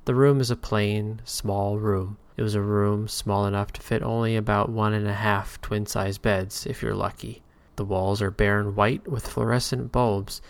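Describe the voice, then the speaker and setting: A man narrating a scripted story in a measured, dry manner. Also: fairly low pitch, no echo. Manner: measured, dry storytelling with occasional hushed whispers.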